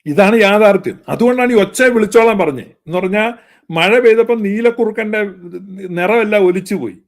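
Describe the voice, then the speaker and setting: A man's voice: high-pitched, moderate pace. A man preaching in a fervent, scolding style, with pointed repetition. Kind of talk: sermon-style critique.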